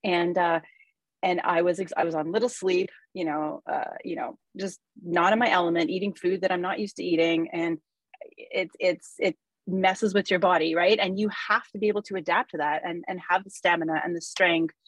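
A woman in casual conversation, speaking haltingly with many restarts and fillers. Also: on the low side, fairly even intonation, no echo, poor audio. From Canada. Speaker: guest, pole athlete. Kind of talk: casual podcast chat.

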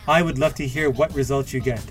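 A man's voice: medium pitch, fairly even intonation, brisk, faint music behind. A man hosting a podcast interview, talking in a friendly, loose way with filler words. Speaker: podcast host.

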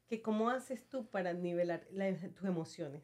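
A woman hosting a casual interview, asking her questions in a soft, measured way. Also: lowish voice. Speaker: interview host.

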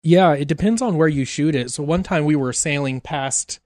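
A man guesting on a podcast, telling lively stories in casual chat. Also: a little high, moderate pace, dry recording, clean studio sound. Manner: animated storyteller.

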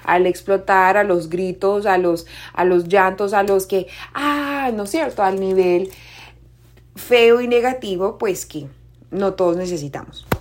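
A woman's voice: mid-range voice, a little slow. Chatty young woman life coach. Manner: conversational, often asks "¿verdad?"; acts out quoted shouting in a raised voice. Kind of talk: casual motivational talk.

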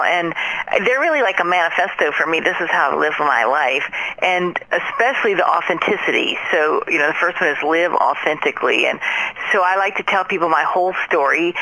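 A woman's voice: on the low side, pushed and bright, low-quality recording. A woman from Mississippi, a guest on a business podcast, telling her life story in an earnest, gracious way. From Mississippi, USA. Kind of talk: interview storytelling.

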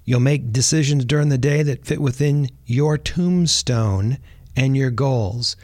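A man's voice: medium pitch, unhurried, no echo. Chatty man, dry studio sound. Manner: relaxed, chatty, repeats words while thinking. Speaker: podcast host. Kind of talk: casual podcast talk.

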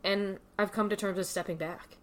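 A woman's voice: mid-range voice, fairly even intonation, normal speed, fairly bright tone. A woman in her thirties talking casually and reflectively as an interview guest, recorded indoors in a wooden cabin. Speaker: podcast guest. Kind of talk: casual, reflective personal chat.

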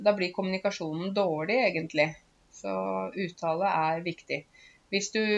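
Lady teaching words, kinda low voice, lots of ehs, bit dull lo-fi sound. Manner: explains words slowly, many fillers. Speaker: Norwegian language teacher. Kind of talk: casual spoken language lesson.

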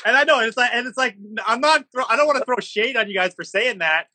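A man's voice: extremely high pitch, expressive, fast talker, sharp tone, no echo, raised voice. A man co-hosting a live stream, joking bluntly and swearing often in casual banter.

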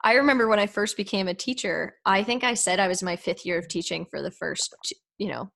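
A woman's voice: medium pitch, fairly quick, creaky, fairly bright tone. A woman hosting a podcast interview, talking in a chatty, encouraging way and laughing often. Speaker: podcast host.

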